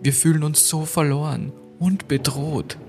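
A man's voice: fairly high pitch, steady tone, measured pace, darkish tone, faint music behind, voice pushed up. A man voicing a remorseful young woman in a ghost story, with a shaky, sobbing voice. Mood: shaken.

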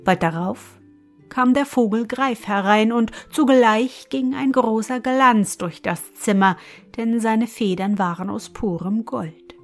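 A woman reading a fairy tale aloud for a podcast in a calm, measured manner. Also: a little high. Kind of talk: storybook reading. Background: faint music.

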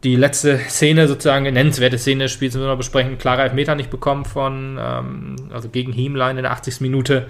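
A man's voice: medium pitch, little pitch movement, fast talker, few pauses. A man co-hosting a casual football podcast, talking hesitantly with many fillers and restarts. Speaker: podcast co-host.

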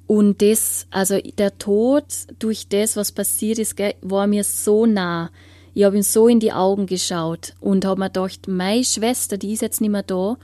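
A woman giving an earnest personal testimony in an interview, often sinking into a hushed whisper as she searches for words. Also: medium pitch, no echo.

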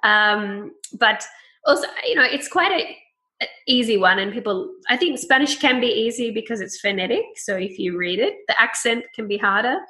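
Bright-voiced chatty woman host. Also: a little high, animated, moderate pace. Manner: chatty, laughs often, mimics phrases. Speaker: podcast host. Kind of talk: casual chat.

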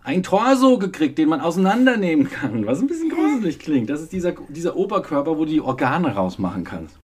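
Low-voiced teasing mother on a podcast. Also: sing-song, fairly quick, a little mellow, breathy edge. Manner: teasing, joking, stumbling restarts. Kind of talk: casual family chat. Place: home.

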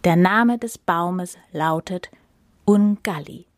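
A woman voicing a proud male lion king in a storybook reading, speaking slowly and sternly. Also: fairly low pitch, dry recording, clean studio sound.

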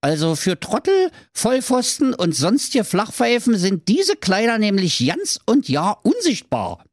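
A man voicing a cheeky, scheming shopkeeper and crook who pitches his goods fast in a Berlin accent. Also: wildly swooping pitch, dry recording, studio quality, heavily acted. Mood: wheedling. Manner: fast-talking sales pitch.

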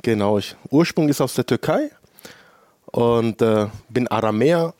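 A man's voice: medium pitch, expressive, measured pace, darkish tone, no room sound. Earnest man in his late thirties, dry sound. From Germany (Allgäu). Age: late 30s. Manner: earnest, reflective, many fillers. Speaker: two-star chef, guest. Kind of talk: casual interview.

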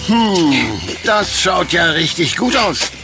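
A gruff, gravelly garden owner. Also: male voice, high voice, very animated, slow, over music, exaggerated voice. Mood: kindly. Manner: stern, bossy, softening into gruff kindness. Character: gruff, strict man who guards his garden. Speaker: stern garden owner neighbor. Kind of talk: children's audio drama acting.

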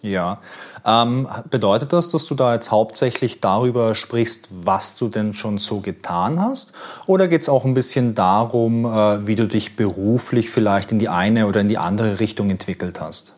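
Low-voiced man hosting a company interview. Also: normal speed, darkish tone. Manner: friendly, curious questioning with fillers. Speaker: host. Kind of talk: casual interview.

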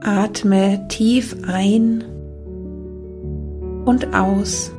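A woman leading a guided meditation in a soft, calming, unhurried manner. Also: medium pitch. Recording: background music behind the voice. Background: meditation music.

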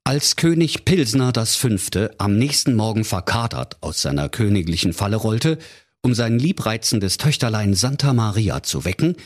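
A man's voice: on the low side, big pitch swings, moderate pace. A man narrating a comic fairy tale for children in a playful, mock-solemn storyteller's manner.

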